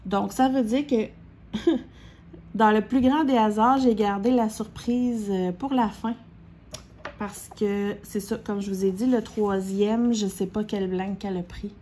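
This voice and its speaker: A middle-aged woman with a Québécois accent chats through an unboxing in a slow, drawn-out way. She gasps and repeats her exclamations over and over. Faint room noise sits under her voice. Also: mid-range voice, steady tone, warm tone. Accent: Québécois French. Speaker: diamond painting vlogger. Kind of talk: excited unboxing chat.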